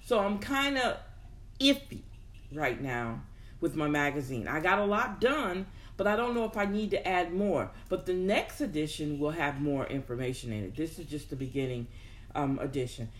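Speaking to followers in a relaxed, motivational way, a personal development show host thinks out loud and repeats words to hammer points home. The voice has medium pitch and a fairly bright tone, animated and at a moderate pace.

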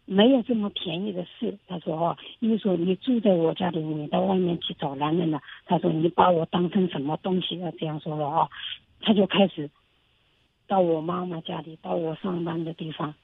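A woman's voice: on the low side, fairly even intonation, fairly quick, vocal fry, slightly rough, no room sound. A woman calling in to an advice show, speaking hesitantly and often repeating herself. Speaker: caller. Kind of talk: call-in advice talk. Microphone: phone. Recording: phone line.

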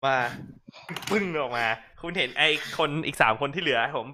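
Brief: male game master, bright, courteous live-stream narration. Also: on the high side, animated, moderate pace. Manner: polite narration with frequent "krub phom".

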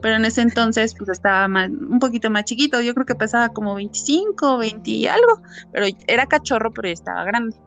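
A woman with a Mexican accent, telling a ghost story in a relaxed, chatty way, with many fillers, acting out what people said. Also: on the high side, brisk. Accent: Mexican Spanish. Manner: animated, many fillers, acts out quotes. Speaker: guest telling ghost stories. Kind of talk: casual storytelling chat.

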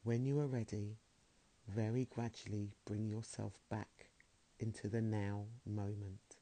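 Man, guided meditation, soft and soothing, low voice, very slow delivery. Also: level tone.

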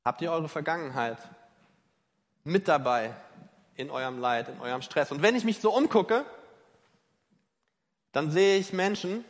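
A man's voice: on the high side, expressive, a little slow, pauses often. A man preaching a sermon, emphatic and questioning his listeners directly. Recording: long reverb of a large hall.

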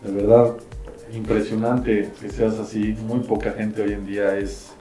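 A man's voice: on the low side, little pitch movement, unhurried, mellow, echoey room, soft background music, low-quality recording. A man, hosting a podcast and asking long, rambling questions. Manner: rambling, filler-heavy questions. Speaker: podcast host. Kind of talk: casual interview talk.

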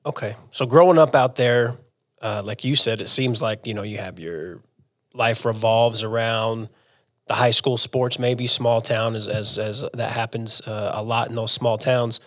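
A man's voice: lowish voice, measured pace, no echo, clean studio sound. An American man hosting a podcast interview, speaking in a slangy, conversational way. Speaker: podcast host. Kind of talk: casual interview chat.

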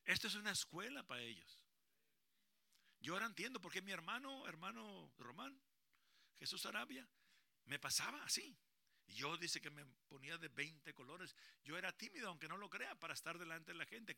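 Animated gravelly-voiced pastor, bright and dry. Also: male voice, sits high, brisk, no echo. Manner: animated, calls on children and congregation to repeat. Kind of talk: lively bilingual sermon to a congregation. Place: church service.

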